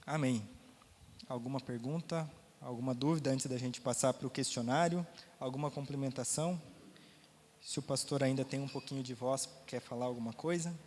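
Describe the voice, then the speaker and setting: A man's voice: mid-range voice, normal speed, darkish tone, a little hiss or hum. Brazilian man teaching Bible class, echoey. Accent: Brazilian Portuguese. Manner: conversational, quizzes the class. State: slightly sore throat. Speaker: Sunday school teacher. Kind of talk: Bible class lesson with questions to the class.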